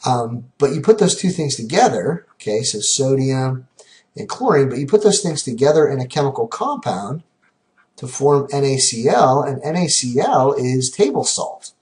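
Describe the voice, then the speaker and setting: A man teaching a recorded chemistry lesson in a relaxed way, counting aloud slowly and often checking in with "okay?". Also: medium pitch.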